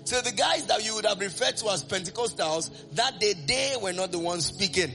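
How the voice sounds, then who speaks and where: Male preacher, high bright voice, animated sing-song delivery, faint music behind. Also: fairly quick, gravelly. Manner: animated, call-and-response, sing-song rises. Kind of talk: sermon.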